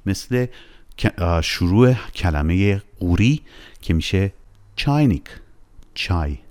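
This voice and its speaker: Animated low-voiced man teaching letters. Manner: playful, animated, repeats sounds slowly for practice. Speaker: Russian language teacher. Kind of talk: casual spoken lesson.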